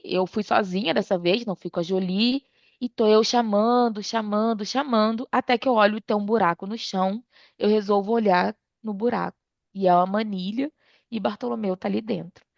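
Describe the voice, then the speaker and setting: Woman, podcast guest, lively storyteller, lo-fi dry recording. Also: vocal fry, no room sound. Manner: animated retelling, acts out dialogue with her mother. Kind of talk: casual storytelling. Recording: dull dry low-fidelity sound.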